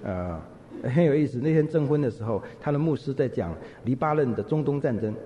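A preacher delivers a sermon full of humorous, lively stories, acting out what people said. His voice is medium-pitched and fairly quick, recorded in an echoey hall with dull lo-fi sound.

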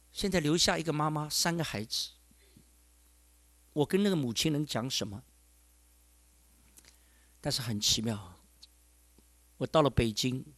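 A man's voice: mid-range voice, fairly bright tone, no room sound. A male pastor telling a personal testimony in a sermon, with emotional, exclaiming storytelling.

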